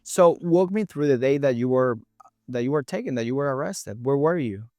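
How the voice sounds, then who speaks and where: A man's voice: medium pitch, animated, normal speed, a little mellow, no room sound, studio quality, soft background music. A man from Venezuela hosting an interview, speaking earnestly with emphasis. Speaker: host.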